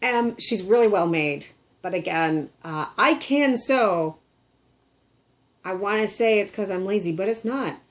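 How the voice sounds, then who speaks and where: Unhurried and animated, with a fairly bright mid-range voice, a middle-aged woman with a Canadian accent holds a casual show-and-tell of her puppets at the kitchen table. The puppeteer and vlogger is chatty, giggly, and self-deprecating.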